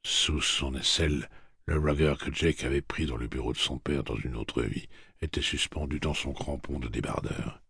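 A man narrating an audiobook in a steady, measured reading. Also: extremely low pitch, breathy edge, dry recording, clean studio sound. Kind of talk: scripted narration.

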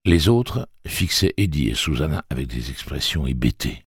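Deep, husky male audiobook narrator. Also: lively intonation, normal speed, no room sound, studio quality. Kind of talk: scripted narration.

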